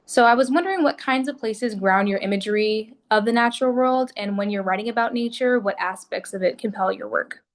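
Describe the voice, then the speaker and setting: A woman moderating a panel, asking polite, slightly halting questions. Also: mid-range voice.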